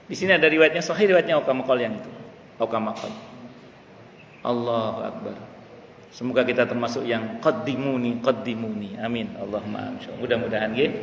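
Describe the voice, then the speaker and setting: A man giving a mosque study lecture, chanting Arabic passages slowly before explaining them. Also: medium pitch, slight background noise. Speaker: religious teacher. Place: mosque hall. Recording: echoey mosque hall with faint ambience.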